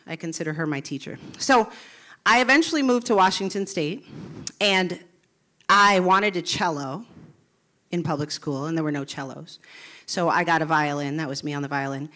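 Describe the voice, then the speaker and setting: A woman's voice: sits low, a bit bright. A woman in her thirties from Milwaukee, a public school music teacher, telling her own story in earnest at a live talk on stage. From Milwaukee, USA.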